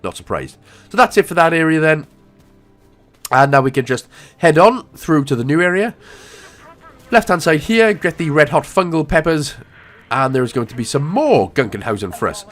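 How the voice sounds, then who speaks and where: A man's voice: fairly high pitch, moderate pace, faint music behind. A man, ill with a cough, giving a casual, jokey commentary over a game walkthrough. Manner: jokey, animated, self-mocking asides.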